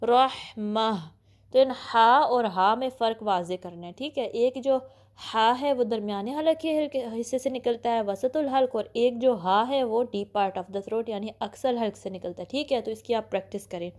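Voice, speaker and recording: एक महिला शिक्षिका, जो धैर्य से धीरे-धीरे तजवीद का उच्चारण सिखाती है और अक्षरों को बार-बार दोहराती है।. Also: female voice, a little high, a little mellow. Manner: patient, repeats syllables slowly, often says "okay". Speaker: Quran recitation teacher. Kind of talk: slow step-by-step pronunciation lesson.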